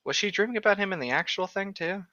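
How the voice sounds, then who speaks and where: Speaking quickly in a high, sharp voice, this co-host of a comedic book-reading show banters and mocks the text with sardonic humor. The read-along is casual, and the slightly muffled recording has no echo.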